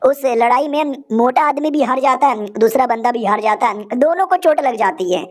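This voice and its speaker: Chatty high-voiced woman recapping comics. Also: animated, normal speed, darkish tone. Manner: chatty, slangy, playfully voices characters. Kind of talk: casual comic story recap.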